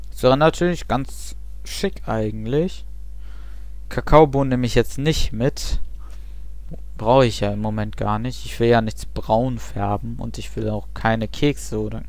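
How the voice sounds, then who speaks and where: A young man hosting a let's play gives casual gameplay commentary, rambling and dropping self-mocking asides as he plays. His voice is lowish with a clean tone and no echo.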